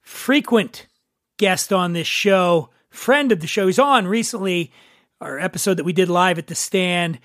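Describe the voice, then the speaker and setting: A man's voice: high-pitched, a little slow, a bit bright, no echo, clean studio sound. A man hosting a casual chat show, joking and teasing his guests. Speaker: host.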